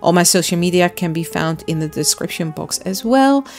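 A woman's voice: fairly low pitch, animated, normal speed, gravelly, darkish tone, soft background music. A woman hosting a crafting vlog, explaining her miniature build step by step in a friendly, chatty voice-over. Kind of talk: casual voice-over narration.

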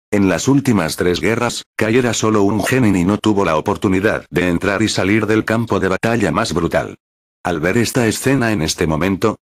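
Deep-voiced male novel narrator. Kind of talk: audiobook narration of a web novel.

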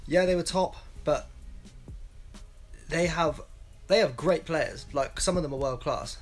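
Faint music plays behind this unhurried, higher-pitched male voice. He's a twentysomething football pundit vlogger doing casual solo analysis from a small home room, rambling and blunt, through a wired earphone mic.

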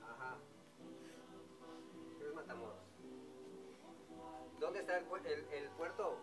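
A man in his fifties from Ecuador who owns a café talks at length in casual chat, emphatic and repeating himself, his voice fairly high and a little slow. He's on an outdoor café patio, picked up by a distant camera sitting on a table, with music playing behind him.

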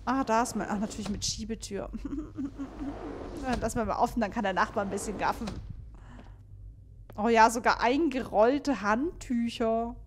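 A woman's voice: on the high side, measured pace, slight background noise. A young woman chatting and joking to her viewers as she plays a horror game. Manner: chatty, joking, talks to viewers while playing. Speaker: let's play host. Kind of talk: casual gameplay commentary.

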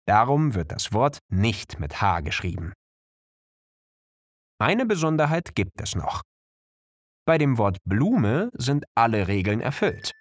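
Male narrator for a kids' lesson: slow, very animated pitch, dry studio sound. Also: no room sound. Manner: slow, clear explanations with lively pitch. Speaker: narrator of an educational video. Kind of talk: scripted narration for children.

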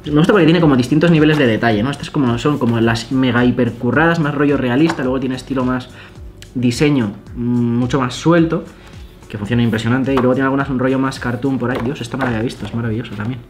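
A young man talks casually and excitedly, gushing and swearing in awe as he pages through an illustration book. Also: mid-range voice, fast, soft background music. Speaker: illustrator and YouTuber. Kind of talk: casual vlog, flipping through an art book.

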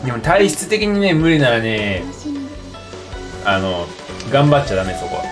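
A man's voice: medium pitch, sing-song, normal speed. A tipsy young man chatting casually and rambling in slangy speech as he livestreams a game over drinks. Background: game music.

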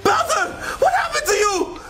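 A man's voice: extremely high pitch, sing-song, normal speed, a bit bright, reverberant, exaggerated voice. A man voicing a blunt, exasperated household chef who scolds his way through a comedy skit. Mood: frantic, scolding. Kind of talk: comedy skit character acting.

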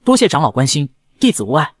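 A cold, reserved young disciple who keeps his replies curt, voiced by a man narrating a manga recap. He sounds a little lower than the narrator and moves quickly, close and dry on the mic. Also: very animated, dry recording.

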